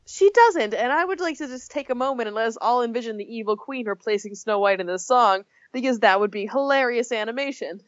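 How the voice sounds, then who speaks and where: A young woman co-hosting a podcast in casual chat, laughing often and animated. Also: a little high, fast talker, hardly any pauses, dry recording. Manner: laughs often, animated, quotes lines in put-on voices. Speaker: podcast co-host. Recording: dry, dull lo-fi sound.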